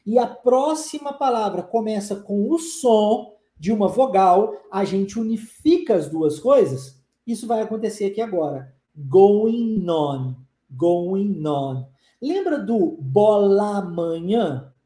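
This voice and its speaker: Mellow-voiced Brazilian woman teaching, roomy echo. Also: medium pitch, animated, a little slow, few pauses. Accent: Brazilian Portuguese. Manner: upbeat, repeats phrases for drilling. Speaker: English teacher. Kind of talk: live-stream lesson answering comments.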